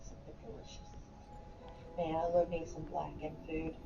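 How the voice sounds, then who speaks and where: A woman's voice: deep voice, monotone, moderate pace, creaky, echoey room, lo-fi sound, music in the background. A woman casually commenting on her game play with chatty, wry asides. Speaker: gaming channel host.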